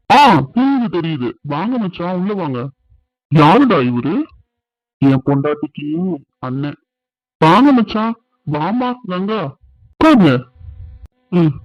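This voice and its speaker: An earnest, middle-aged village family man in a cartoon, played by a man. His voice sits fairly high for a man and carries a plain, conversational manner. The recording is dry and a bit dull, like a lo-fi studio dub. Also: animated, slow pace, pauses often, no room sound. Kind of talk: cartoon dubbing.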